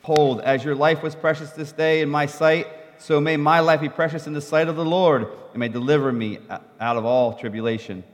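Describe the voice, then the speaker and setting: A man preaching a sermon. He reads scripture aloud in measured steps and lifts his voice in the quoted speech, pausing so an interpreter can follow. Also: on the high side, little pitch movement. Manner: measured Bible reading that rises in the quoted speech. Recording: long hall reverb.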